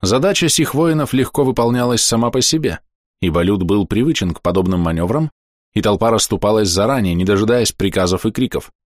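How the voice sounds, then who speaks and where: A man reading a fantasy novel aloud as an audiobook narrator, measured and expressive, slowing down for dramatic moments. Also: on the low side, dry recording, studio quality. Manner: measured, expressive storytelling with slowed dramatic pauses.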